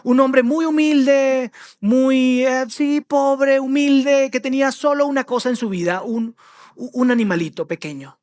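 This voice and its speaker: A cautious prophet coaxes a king into hearing a parable, his voice pitched high, as a preacher plays him. The recording is dry and close. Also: lively intonation, fairly quick, no echo. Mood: coaxing. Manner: careful, coaxing storytelling.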